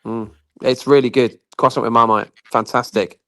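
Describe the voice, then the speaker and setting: A man's voice: medium pitch, steady tone, normal speed, a bit bright, dry recording, studio quality. A man making wry, teasing quips in a casual podcast chat.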